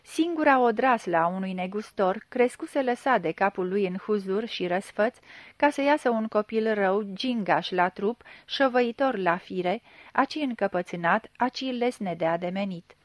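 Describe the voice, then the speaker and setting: A woman narrating a literary audiobook, measured and expressive, at a middle pitch. The recording is dry, with no room sound. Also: dry recording.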